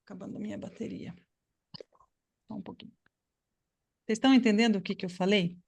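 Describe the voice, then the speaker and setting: A woman's voice: mid-range voice, fairly even intonation, fast talker, gravelly, a little mellow, husky. A woman English teacher giving a live online class on a video call, explaining patiently and checking often that students follow.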